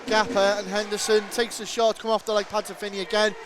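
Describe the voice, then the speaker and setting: A man calls an ice hockey game live, in a high voice. His commentary is brisk, and it rises in pitch and volume with each shot. A faint noise sits under the recording. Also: level tone. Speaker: play-by-play commentator.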